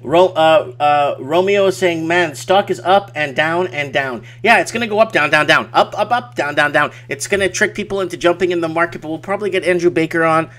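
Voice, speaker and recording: A man's voice: fairly high pitch, quick pace, few pauses, fairly bright tone. A man hosting a casual late-night live stream, speaking emphatically and repeating words for effect. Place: small home office at night.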